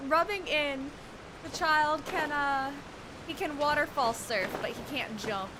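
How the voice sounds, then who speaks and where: A woman's voice: high-pitched, slow pace, background noise. A young woman streaming a video game, chatting casually in a rambling, slangy way. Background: game music.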